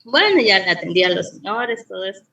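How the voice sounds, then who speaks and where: Animated woman telling a story, distant mic. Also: mid-range voice, a little fast, roomy sound, highs cut off. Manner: animated storyteller, acts out quoted dialogue. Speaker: student. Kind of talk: telling a personal anecdote.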